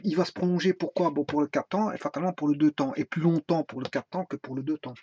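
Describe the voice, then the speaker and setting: Halting man teaching music theory. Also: on the high side, steady tone, a little mellow, slightly rough, dry recording. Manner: halting, many fillers and restarts, sings phrases slowly. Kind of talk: informal solfège lesson. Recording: dry, dull lo-fi sound.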